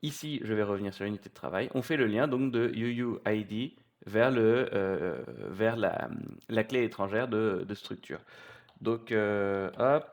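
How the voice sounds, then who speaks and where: Hesitant man explaining software steps. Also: lowish voice, unhurried. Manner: hesitant, many fillers and restarts. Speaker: software tutorial presenter. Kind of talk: unscripted screen-recorded tutorial.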